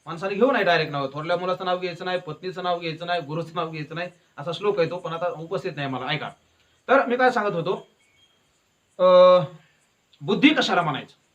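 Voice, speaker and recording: Bright, high-voiced preacher man. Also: fast talker, dull audio. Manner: lively, asks questions and answers them himself. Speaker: kirtan preacher. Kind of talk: devotional discourse with storytelling.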